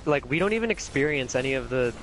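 A man's voice: medium pitch, lively intonation, fast, noisy background. A young man with a Canadian accent, chatting casually while gaming, rambling and swearing a lot. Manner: rambling, swears often, many "like"s. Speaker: gamer. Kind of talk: casual gaming chat over voice call.

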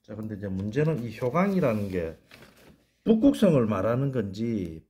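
A man giving a lecture over slides, who slowly sounds out words and repeats each one several times. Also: on the low side, big pitch swings, warm tone, reverberant. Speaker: channel host explaining words.

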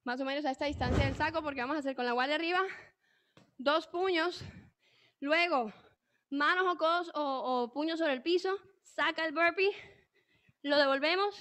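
High-pitched energetic woman fitness coach. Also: noisy background. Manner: energetic, encouraging, calling out counts and cues. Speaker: fitboxing instructor. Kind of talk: live online workout coaching.

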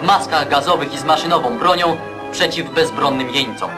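A man's voice: a little high, brisk. A man narrating an old 1950s newsreel in a stern, declamatory voice. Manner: declamatory, stern propaganda delivery. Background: loud music score.

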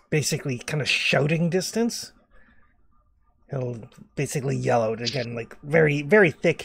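A man's voice: mid-range voice, gravelly, husky. A man narrating as game master, hesitant with lots of fillers.

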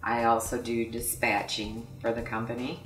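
A middle-aged customer service rep from St. Louis, Missouri, speaks casually in a company profile interview held indoors in an office room. Her rumbling low voice is completely flat, and she halts often, using many fillers and laughing between thoughts. A distant mic gives a roomy sound, with faint music behind.

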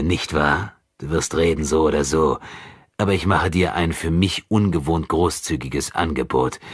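A cruel armored knight who mocks his captive in a slow, drawn-out sneer, as a man voices him in an audiobook. The voice sits very deep with a husky grain, and the recording is dry and close. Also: a bit bright, dry recording, exaggerated voice. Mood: menacing. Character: cruel armored male knight, mocking and calm. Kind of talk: audiobook character reading.

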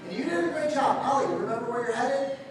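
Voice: high voice, fast talker, over music. Playful animal show presenter explaining stuff live, really echoey, mic sounds far off. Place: live bird show before an audience. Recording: echoey amplified venue, distant mic, noisy.

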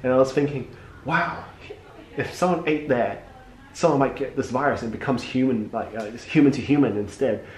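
A young adult male podiatrist, born in Hong Kong and brought to New Zealand young, makes easygoing small talk with a patient as he works, saying "like" often. His voice is medium-pitched at a normal speed, and the treatment room has a roomy echo with clear background noise.

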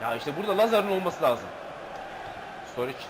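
High, lively, excitable young gamer man. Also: moderate pace, noisy background. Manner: excitable, swears and groans at the game, mock play-by-play. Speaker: gaming channel host. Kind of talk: gameplay commentary.

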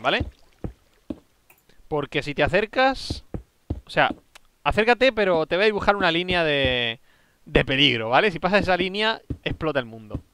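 Bright, lively man explaining gameplay. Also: fairly high pitch, smooth. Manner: bossy, explains at length, teasing. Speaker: gaming YouTuber. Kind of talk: casual gameplay chat.

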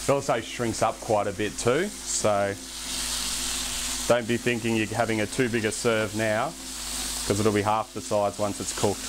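A young man hosting a casual cooking demonstration in a home kitchen, relaxed and chatty, with self-deprecating asides. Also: fairly low pitch, measured pace, noisy background. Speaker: cooking show host. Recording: background music under the voice. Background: music and pan sizzling.

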